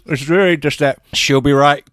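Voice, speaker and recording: A man with a New Zealand accent chatting casually as a podcast host, in a halting, laid-back way with dry humour. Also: fairly high pitch, steady tone, a bit bright, no echo.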